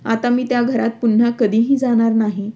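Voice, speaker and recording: A woman voicing a quick-tempered, defiant young married woman in a storybook reading, in a flat read-aloud delivery. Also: a little high, muffled recording, natural voice. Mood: tearful.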